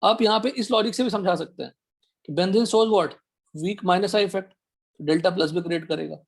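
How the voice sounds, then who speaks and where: A man teaching an online chemistry class, firing quick questions at his students to check they follow. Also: high-pitched, creaky. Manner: quizzing students with rapid questions. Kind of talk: online chemistry class, Hindi mixed with English.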